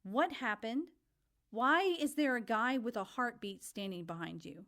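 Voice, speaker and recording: A man's voice: very high voice, expressive, unhurried, pushed and bright, full character voice. A woman voicing an anxious, hospitable male ferryman of souls, fretful at times and formal and grand at others.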